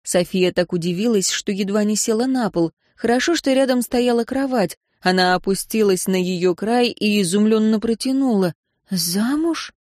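Woman reading a fantasy novel aloud, steady, mid pitch, dry studio sound. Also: normal speed, hardly any pauses, no echo. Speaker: audiobook narrator. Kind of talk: scripted narration.

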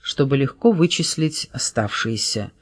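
A man reading a calm male French private detective in an audiobook, gently persuading a suspect. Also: mid-range voice, unhurried, no echo, clean studio sound. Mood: persuasive.

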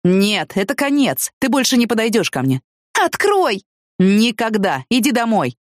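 A woman's voice: mid-range voice, animated, moderate pace, dry recording, clean studio sound, pitched above the performer's own voice, close to an everyday voice. A woman reading the lines of a seriously ill young man who speaks curtly and firmly in an audiobook. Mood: cold. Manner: curt, firm, dismissive. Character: young man, gravely ill, stubborn and cold.

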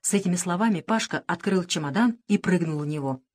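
A woman narrating a children's story in a lively, expressive way. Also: on the low side, fast talker. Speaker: audiobook reader.

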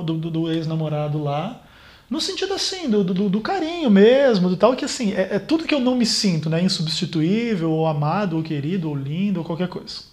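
A man, a pastor, telling a therapist a painful personal story in a halting way and repeating words as he goes. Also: sits high, darkish tone. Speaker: pastor speaking as a therapy client. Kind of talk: personal account in a therapy session.

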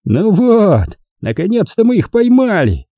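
A man's voice: high-pitched, wildly swooping pitch, unhurried, mellow, dry recording, pitched above the performer's own voice, heavily acted. A man doing a cruel, snarling young clansman. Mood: triumphant. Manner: harsh and snarling. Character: bitter, cruel young male clan leader.

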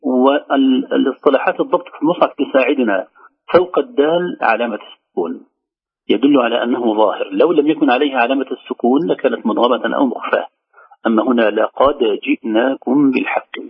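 Male tajweed teacher, slow careful demonstrations, husky voice, tinny phone line. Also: mid-range voice. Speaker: Quran recitation teacher. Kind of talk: tajweed instruction on a radio call-in show. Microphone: telephone.

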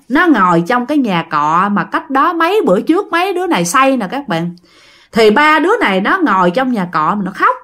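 A woman's voice: mid-range voice, fairly bright tone. A woman telling a ghost story in a casual, chatty way, speaking straight to her listeners. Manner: chatty, addresses listeners directly.

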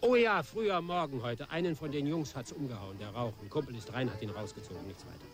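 A man's voice: mid-range voice, quick pace, soft background music, close to an everyday voice. An actor playing a proud, blunt fire crew foreman and former army sergeant in a radio drama.

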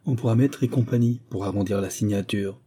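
Guy reading as a crafty old merchant, gruff and fatherly, dark low husky voice, lectures loud. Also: brisk. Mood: stern. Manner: exclaiming, lecturing.

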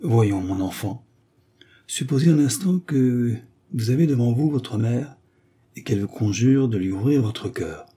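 A man's voice: medium pitch, animated, a little slow, dark tone, breathy edge, pitched above the performer's own voice. A man voicing a young defense lawyer who questions his client patiently and coaxingly. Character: young male lawyer, probing, patient, gently persuasive.

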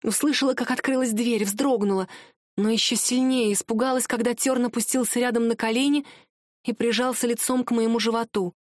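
A woman narrating a first-person audiobook with even, expressive storytelling. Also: fairly high pitch, fairly quick, no echo, studio quality.

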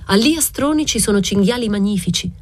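A woman's voice: medium pitch, animated, brisk, darkish tone, voice pushed up, close to an everyday voice. A woman voicing a cold, calculating king with a thin, icy voice and an ironic, impassive way of talking.

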